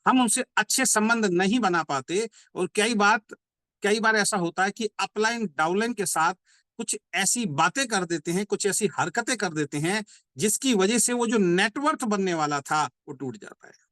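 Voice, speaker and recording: In a high-pitched, fairly bright voice recorded without echo, a network marketing trainer gives a motivational talk on business. His explanations rely on repeated points and rhetorical questions, and he says the main slogans at a slow pace.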